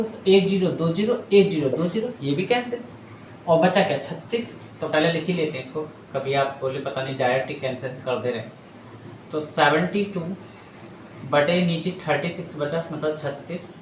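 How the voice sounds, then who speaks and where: A physics teacher with a fairly high voice works through a numerical on the board step by step, patient and chatty, checking in with his students and calling them bhaiya and beta. The room is roomy and echoey, with a faint hiss underneath.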